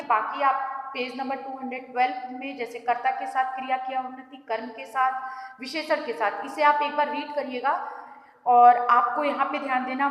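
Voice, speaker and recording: A woman teacher giving a grammar lesson, explaining slowly, repeating examples and speaking to the children. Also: sits high, fairly bright tone. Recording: echoey room with long reverb.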